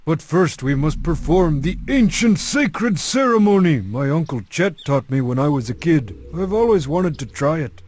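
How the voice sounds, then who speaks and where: A man's voice: fairly high pitch, animated, normal speed, hardly any pauses, a little mellow. A man voicing an earnest, naive sidekick in a cartoon game, speaking with solemn, oddly formal phrasing. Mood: solemn, eager. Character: earnest, naive, mystical cartoon sidekick who calls others brother.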